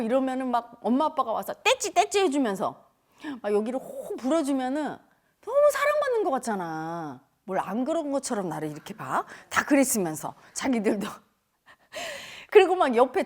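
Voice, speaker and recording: A woman meditation teacher giving a spiritual talk to an audience, lively, acting out little voices and laughing often. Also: high voice. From Korea.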